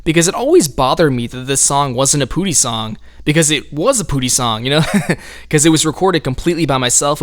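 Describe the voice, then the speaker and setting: Man, casual album commentary, smooth clear voice, mid pitch, laid-back, rambling, light laughs. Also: a bit bright. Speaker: musician discussing his own album.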